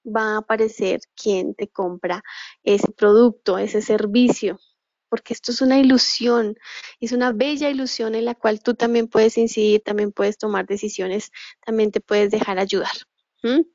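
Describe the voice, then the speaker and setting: A woman's voice: medium pitch, moderate pace, no room sound. Woman doing a chill motivational talk, lots of questions to the audience, kinda muffled, dry sound. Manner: calm, reflective, with many rhetorical questions. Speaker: leadership speaker.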